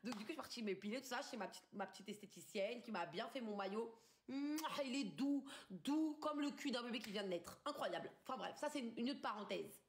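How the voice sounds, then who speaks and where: Fast, high-pitched woman ranting angrily. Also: expressive, a little hiss or hum. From France. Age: 20s. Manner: agitated, ranting, street slang and swearing. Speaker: livestreamer. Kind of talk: angry storytelling rant on a live stream. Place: her bedroom. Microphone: phone camera.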